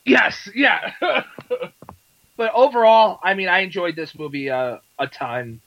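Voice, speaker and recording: A man's voice: sits high, measured pace, lo-fi sound. A man co-hosting a casual movie review podcast, easygoing and agreeable, often trailing off and restarting. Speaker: podcast co-host.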